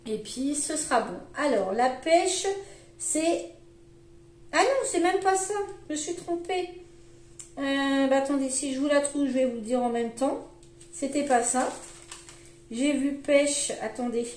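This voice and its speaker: A middle-aged woman chatting casually to camera about her groceries, rambling with fillers and restarts, her voice shrill at times. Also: darkish tone, echoey room. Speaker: vlogger. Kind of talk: casual grocery haul chat.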